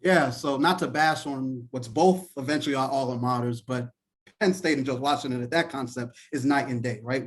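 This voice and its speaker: A man from Trinidad and Tobago, a professor and lawyer, answering questions in a live online class in an encouraging, conversational way. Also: medium pitch. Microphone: video call.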